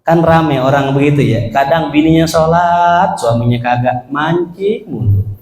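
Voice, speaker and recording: A man's voice: a little high, a little slow, darkish tone, slight background noise. A man preaching a joking sermon in a mosque, addressing the congregation directly. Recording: echoey mosque hall.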